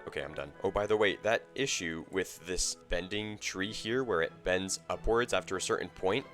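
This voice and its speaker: A young man narrating his programming project in a relaxed, rambling vlog style. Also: deep voice. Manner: relaxed, rambling, with self-deprecating asides. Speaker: programmer and video creator.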